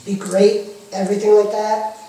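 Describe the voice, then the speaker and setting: A male wrestling manager talks at length in a relaxed interview, often repeating a phrase for emphasis. The sound is heavily echoing, with the voice some way from the microphone. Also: high-pitched, moderate pace, a little hiss or hum. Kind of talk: casual interview chat. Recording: echoey room, far from the mic.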